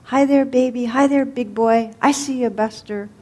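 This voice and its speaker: A ragged old homeless man, as a woman storyteller puts him on, calling out in a loud, sing-song voice. The voice rides noticeably higher than the teller's own and has an odd, changed tone. The delivery is full of cheer. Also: steady tone, moderate pace, close to an everyday voice. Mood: delighted.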